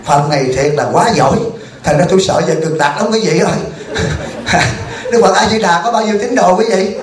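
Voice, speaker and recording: A man's voice: sits high, brisk, crowd noise. A male Buddhist monk giving a humorous Dharma talk at a retreat, telling stories and asking the audience questions. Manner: joking, storytelling, asks the audience questions. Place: retreat hall. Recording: echoey hall.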